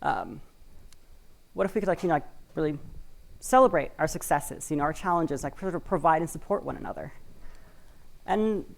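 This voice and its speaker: With animated energy and frequent pauses, a low-voiced, gravelly woman from Washington State, USA, gives a live talk on a conference stage for a community cooperative. She speaks at normal speed in a conversational way, peppered with fillers and hedging words.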